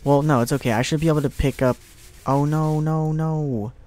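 A young man giving casual let's play commentary on a horror game, excitable, muttering to himself and swearing. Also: a little high, normal speed.

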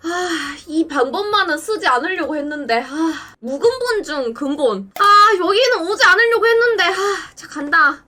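A synthetic woman's voice narrates gameplay in a high, very lively way, bursting into dramatic pleas and cheers. Its tone is bright and sharp. Faint music plays behind it. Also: moderate pace, hardly any pauses. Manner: excitable, dramatic outbursts and pleading. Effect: text-to-speech voice. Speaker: game streamer. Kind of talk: gameplay commentary.

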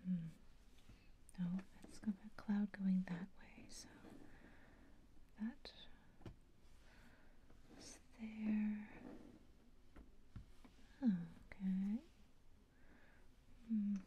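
Woman, soft voice, whispered ASMR murmur, mellow and very unhurried, clear background noise. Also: mid-range voice, steady tone. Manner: unhurried, murmuring to herself in short fragments. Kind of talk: soft-spoken ASMR, whispered commentary on a jigsaw puzzle.

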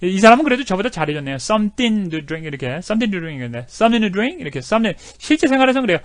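A middle-aged man explains English phrases in a chatty, filler-heavy way. His voice sits high and swings in lively pitch. The sound is dry and close. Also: fast, no room sound. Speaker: English teacher. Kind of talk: explaining lesson with video clips.

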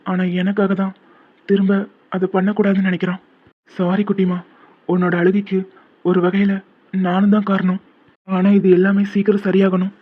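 A man's voice: sits high, completely flat delivery, normal speed, long pauses. Man voicing a devoted young cartoon lover. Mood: tender. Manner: earnest, soft-spoken comforting. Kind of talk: cartoon voice acting. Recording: tinny phone-like sound.

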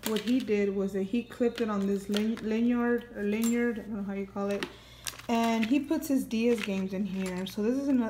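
A woman's voice: mid-range voice, darkish tone, roomy sound, a little hiss or hum. A woman in her thirties chatting casually through a haul video at home, with lots of ums and likes. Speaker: family vlogger. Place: home kitchen, indoors.

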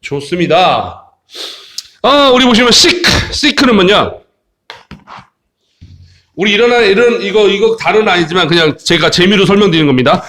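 A man's voice: lively intonation, normal speed, long pauses, bright, forceful tone. A man teaching a children's English lesson in a playful, jokey way, drilling phrases and clowning with silly voices. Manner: playful, jokey, mimics kids in high squeaky voices.

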